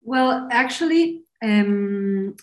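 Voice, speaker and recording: A young adult woman from Argentina talks earnestly about her work, stumbling and restarting as she searches for words. Her pitch sits in a middling range for a woman. The recording carries a noticeable roomy echo. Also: expressive. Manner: earnest, halting with frequent restarts and laughs. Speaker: interview guest, filmmaker. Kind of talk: conversational interview.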